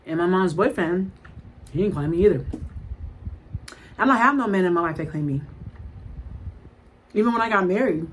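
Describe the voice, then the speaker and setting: A middle-aged woman chatting casually and in a rambling way to the camera as a vlogger, blunt and emphatic, often repeating herself. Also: medium pitch. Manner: blunt, emphatic storytelling with repetition. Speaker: mukbang vlogger. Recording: clearly noisy home recording.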